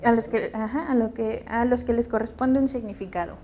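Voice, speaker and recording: A woman's voice: on the high side, steady tone, fairly quick, dark tone, slight background noise. A woman teacher with a Mexican Spanish accent lecturing a class in a classroom, patient and checking understanding with questions.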